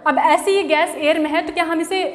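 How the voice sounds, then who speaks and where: A woman's voice: very high-pitched, steady tone, a little fast. A woman teacher giving a classroom science lesson, explaining with everyday examples and asking rhetorical questions. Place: room. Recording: echoey room with long reverb.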